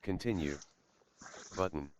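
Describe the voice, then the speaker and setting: A male text-to-speech console menu narrator reading prompts in a flat synthetic way, heard with a doubled echo from a second device. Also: deep voice, unhurried, slight background noise.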